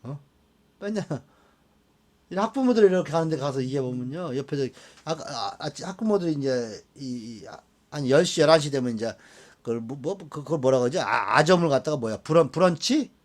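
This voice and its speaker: A man teaching a class of students, animated and often checking that they follow along. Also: a little high, brisk. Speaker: fortune-telling teacher. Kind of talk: classroom lecture.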